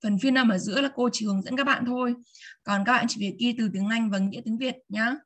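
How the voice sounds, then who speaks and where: A woman teaching vocabulary in an online class. She repeats each word slowly and keeps checking that her students are following. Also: on the high side, steady tone, fairly bright tone. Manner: models words slowly and repeats them. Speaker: English teacher. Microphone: video call.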